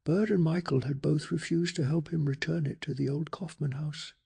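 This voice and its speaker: A man with a slightly high, soft, breathy voice tells a bedtime story in a quiet ASMR manner. He stays calm and hushed while giving the tale a deliberate sense of drama.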